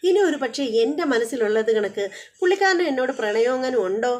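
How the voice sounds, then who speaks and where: A sweet, teasing young wife who hedges and trails off before she gets to the point, as a woman retells her scene. The voice sits high and light. It is told as a spoken recap of a TV serial. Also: animated, darkish tone. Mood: coy. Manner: coaxing, hesitant, with many trailing pauses.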